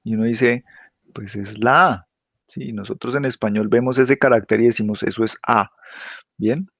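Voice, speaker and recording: A man teaching a class, explaining patiently and constantly checking understanding with quick tag questions. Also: mid-range voice, vocal fry, fairly bright tone, dry recording. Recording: dull lo-fi dry sound.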